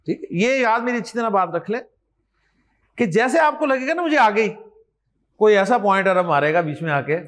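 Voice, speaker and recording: A male teacher lecturing a class, drilling pairs of words with his students in call and response. His voice sits high and swings widely in pitch, and he keeps urging the class along. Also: fairly bright tone. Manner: encouraging, addresses students directly. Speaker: Arabic teacher.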